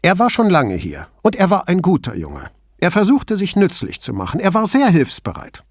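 A man's voice: a little high, lively intonation, measured pace, no echo, clean studio sound, pitched above the performer's own voice. A man voicing a protective, fiery middle-aged female shop owner in an audiobook, talking heatedly. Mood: angry. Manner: heated, emphatic.

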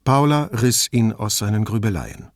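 Expressive man reading an audiobook. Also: fairly low pitch, moderate pace, dry recording, studio quality. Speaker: audiobook reader. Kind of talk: scripted narration.

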